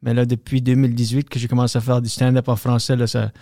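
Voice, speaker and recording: A man from New Brunswick with an Acadian French accent, a comedian guest in relaxed casual chat on a podcast mic, dropping in English slang. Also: medium pitch, fast, vocal fry, no room sound, clean studio sound. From New Brunswick, Canada. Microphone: podcast microphone.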